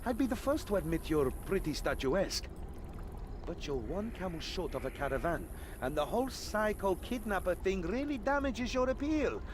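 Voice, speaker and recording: Brash adventurer for a game: animated, sarcastic, taunting, over clear background noise. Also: male voice, sits high, moderate pace. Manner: cocky, taunting. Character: brash, sarcastic young male adventurer hero. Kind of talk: video game voice acting. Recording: clear ambient noise behind voice.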